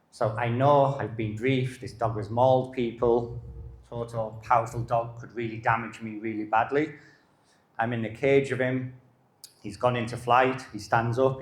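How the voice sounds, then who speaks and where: A middle-aged man, a dog behaviour specialist, giving a live masterclass in a calm manner and short broken phrases. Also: mid-range voice. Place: live lecture venue. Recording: roomy echo.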